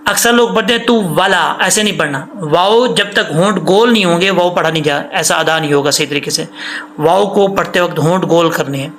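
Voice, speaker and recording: Bright high-voiced man teaching Quran recitation. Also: fairly quick, slight background noise. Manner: breaks verses into syllables, stretches sounds to show length. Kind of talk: tajweed lesson, slow recited examples between explanations.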